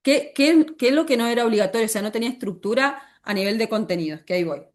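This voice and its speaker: A fast-talking woman teacher with an Argentine accent lectures her class in an animated, high-ish voice with a slightly mellow quality. She frequently interrupts herself to ask the students questions.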